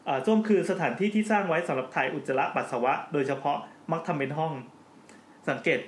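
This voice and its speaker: A man's voice: fairly high pitch, lively intonation, fast. A man hosting a podcast in casual chat, joking as he explains at length. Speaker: podcast host. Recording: roomy with faint background noise.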